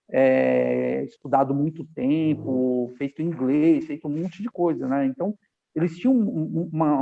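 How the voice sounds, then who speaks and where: Gravelly-voiced man telling stories over a tinny line. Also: a little high. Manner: animated storyteller, acts out quoted dialogue. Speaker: podcast guest, aviation professional. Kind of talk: casual interview storytelling.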